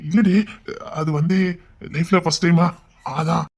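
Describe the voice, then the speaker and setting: ஒரு பெண், பயந்து கெஞ்சும் ஓர் இளம் மணமகனாக நகைச்சுவை வெப் சீரிஸில் நடிக்கிறார். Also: female voice, lowish voice, little pitch movement, unhurried, creaky, a little mellow, slightly rough, heavily acted. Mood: sheepish. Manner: whiny, fearful pleading. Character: timid young male groom, panicky. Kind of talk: comedy web-series acting.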